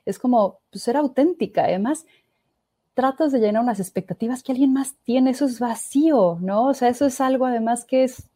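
Lively Mexican woman, mellow voice. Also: a little high, fairly quick, no room sound. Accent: Mexican Spanish. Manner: expressive storyteller, acts out quoted voices. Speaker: guest. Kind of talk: casual conversational interview.

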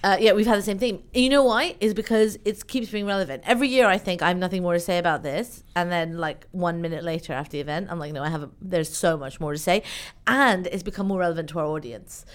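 A woman from Iran who grew up in the UK, speaking as a guest in an interview in an animated, chatty way with many fillers. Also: fairly low pitch, fast talker, clean tone. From Iran, raised in the UK. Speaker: event organizer, guest. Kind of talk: conversational interview.

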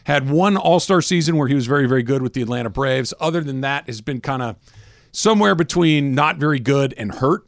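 A man's voice: medium pitch, animated, brisk, creaky, no room sound, clean studio sound. A man hosting a sports radio show, chatting casually and laughing often.

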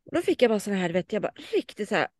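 A woman's voice: medium pitch, sing-song, darkish tone, no echo, studio quality. A young adult woman, a podcast co-host, tells a personal story in casual chat with feeling and acts out quoted lines of dialogue.

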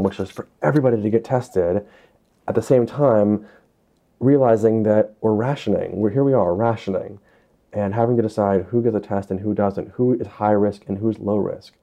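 A man speaking candidly as an interview guest, halting as he thinks aloud, over a remote call. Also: fairly low pitch, dark tone. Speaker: emergency doctor, interview guest.

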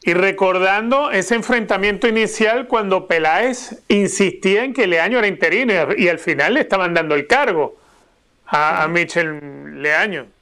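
A man's voice: sits high, normal speed, pushed and bright. A man on a sports talk panel, asking skeptical questions. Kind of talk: sports talk show discussion.

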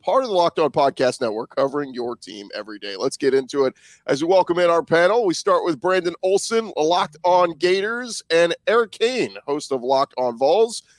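An upbeat man hosts a sports podcast with announcer-like delivery. His voice sits a little high for a man, recorded dry and close with very little room sound. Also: expressive, moderate pace, dry recording. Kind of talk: scripted show intro and sponsor read, then panel hosting.

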